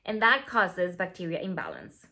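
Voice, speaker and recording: Speaking at a moderate pace in a lowish voice, this skincare founder addresses the camera with scripted lines in a plain studio indoors. She's a Venezuelan woman in her thirties with Spanish as her first language and a Venezuelan Spanish accent. Playful and animated, she often lowers into whispers and asides.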